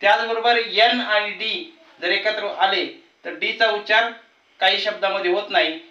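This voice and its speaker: A man teaching a lesson to students, patiently explaining rules and repeating example words slowly. His first language is Marathi. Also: high-pitched, steady tone, sharp tone. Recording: roomy, slightly distant, dull sound.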